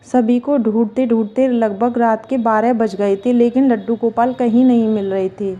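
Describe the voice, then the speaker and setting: A woman narrating a devotional story in a steady, plain storytelling manner. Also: on the high side, normal speed, lo-fi sound.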